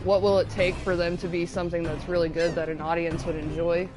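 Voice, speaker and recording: Reading viewer chat aloud on her gaming show, a woman teases and chats casually at a fairly quick pace. Her voice sits on the low side with a level tone, and loud background music plays behind it.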